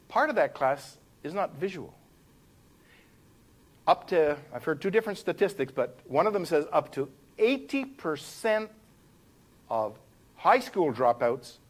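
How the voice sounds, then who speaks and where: A man teaching a live seminar to a room of people, animated, demonstrating different ways of speaking. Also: fairly high pitch. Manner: animated, demonstrates voices while explaining. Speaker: trainer.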